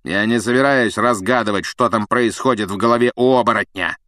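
A man voicing a cruel, vengeful male professor who hisses threats and shouts in rage. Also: on the low side, brisk, no echo, clean studio sound, natural voice. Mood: furious. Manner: hissing menace turning to shouting rage.

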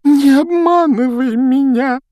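A man's voice: sits high, slow pace, no room sound, clean studio sound, pitched above the performer's own voice. A man voicing a weepy, sulking ghost girl who wails tearfully in a storybook reading. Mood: tearful wailing. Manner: wailing, tearful.

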